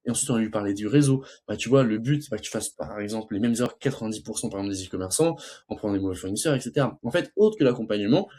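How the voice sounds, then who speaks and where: A man's voice: medium pitch, darkish tone, husky. A young man coaching sales closing in a casual talk, stuttering and restarting often, and acting out both sides of a sales call. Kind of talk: casual teaching monologue.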